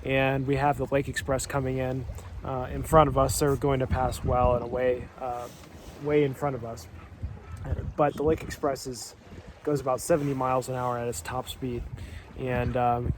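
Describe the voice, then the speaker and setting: Man vlogging over clear boat noise. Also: medium pitch, flat delivery, moderate pace. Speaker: sailing vlogger. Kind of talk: casual narration to camera. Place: outdoors on a sailboat under way. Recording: loud boat and water noise.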